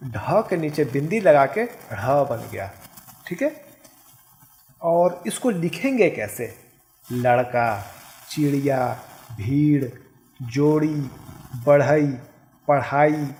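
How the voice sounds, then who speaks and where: A male teacher giving a Hindi grammar lesson, explaining step by step and saying example words slowly and carefully. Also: fairly high pitch, darkish tone. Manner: explains step by step, often checking with "ठीक है". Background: background noise.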